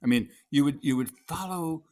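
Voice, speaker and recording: A man's voice: on the high side, moderate pace, mellow. An older man, an actor and podcast guest, telling long anecdotes in a casual interview with many restarts.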